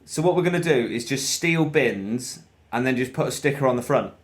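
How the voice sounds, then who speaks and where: A man's voice: medium pitch, expressive, fairly quick. Blokey British man bantering casually. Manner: blokey, sweary. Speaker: podcast co-host.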